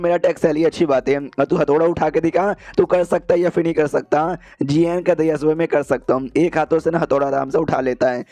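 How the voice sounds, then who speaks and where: Fast-talking casual male story narrator. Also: fairly high pitch, mellow, no echo. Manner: chatty, slangy, quotes characters in passing. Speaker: recap narrator.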